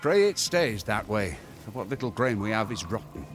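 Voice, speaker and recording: A man acting a superstitious, plaintive rustic farmer in a video game, with a husky, colloquial delivery. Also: lowish voice, very animated, moderate pace, soft background music. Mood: worried, pleading.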